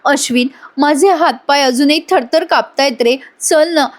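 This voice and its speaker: A woman's voice: high-pitched, measured pace, pitched above the performer's own voice. A woman voicing a scheming young woman who whines and pleads to win sympathy. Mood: pleading.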